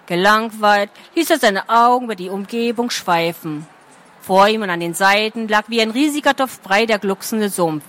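A woman reading a fantasy story aloud at a steady, expressive pace. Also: medium pitch. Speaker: narrator.

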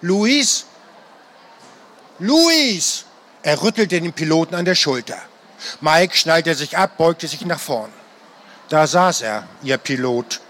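Man, high voice, live novel reading, dramatic storytelling. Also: a little slow, a bit bright. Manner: dramatic storytelling, acting out the characters.

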